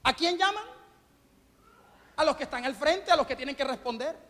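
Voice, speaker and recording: A man preaches in a high, ringing voice, pressing his congregation with questions and calls for amen. His words trail into a long church-hall reverb. It is a live Sunday sermon. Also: lively intonation, normal speed, a bit bright.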